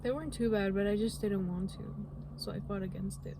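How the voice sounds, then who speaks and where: A woman's voice: medium pitch, a little fast, noisy background. A young woman co-hosting a podcast, chatting casually and rambling with lots of fillers. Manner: rambling, filler-heavy storytelling. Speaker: podcast co-host. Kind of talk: casual chat.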